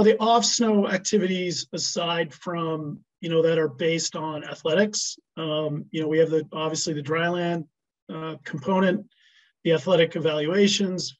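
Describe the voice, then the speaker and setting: A man's voice: a little high, muffled recording. A man presenting a ski program on a video call, hesitant with many restarts and fillers.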